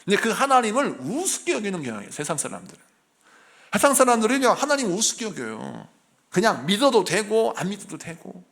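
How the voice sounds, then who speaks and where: Lively, gravelly Korean pastor preaching. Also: male voice, high voice, brisk. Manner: animated storytelling, acting out voices. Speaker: senior pastor. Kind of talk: sermon.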